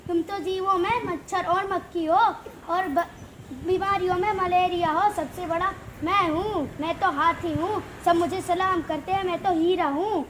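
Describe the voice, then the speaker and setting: A woman's voice: extremely high pitch, fairly even intonation, measured pace, a bit bright, a little hiss or hum. A woman playing a proud, quarrelsome male letter of the alphabet who brags in a school stage play. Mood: boastful. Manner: bragging, challenging.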